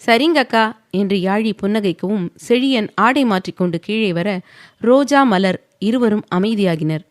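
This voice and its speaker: A woman narrates a serialized audio novel with steady pacing. Her voice sits at a middle pitch and stays even between the characters' lines. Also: moderate pace.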